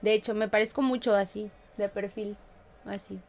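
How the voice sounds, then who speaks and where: A woman's voice: mid-range voice, steady tone, moderate pace, darkish tone. A Mexican woman streamer chatting casually with her live viewers in a playful, chatty way, laughing often and humming little tunes. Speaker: game streamer.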